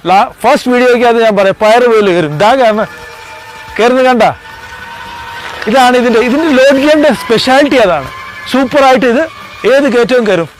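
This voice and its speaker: A man's voice: very high-pitched, a little fast, pauses often, a little hiss or hum, rough recording. A man with a Malayali accent giving a casual vlog demonstration, addressing viewers in mixed Malayalam and English. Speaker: vlog presenter.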